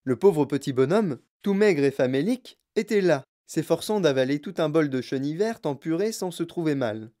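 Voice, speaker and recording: A reader voicing an eccentric grown man who owns a chocolate factory, telling his tale in an animated way. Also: medium pitch, normal speed, hardly any pauses, lightly acted. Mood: enthusiastic. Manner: animated storytelling.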